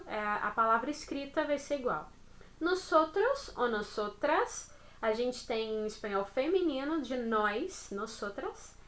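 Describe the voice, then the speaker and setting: Chatty Brazilian woman teaching a class. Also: on the high side. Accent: Brazilian Portuguese. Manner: chatty, friendly, checks in with "né?" and "beleza?". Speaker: Spanish teacher. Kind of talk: recorded online class over slides.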